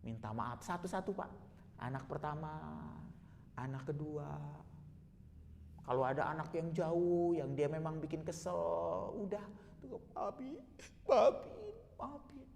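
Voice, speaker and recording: A male Islamic preacher delivering an emotional sermon, swinging from soft murmurs to loud exhortation. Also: fairly high pitch, measured pace, vocal fry, big-room sound, slight background noise.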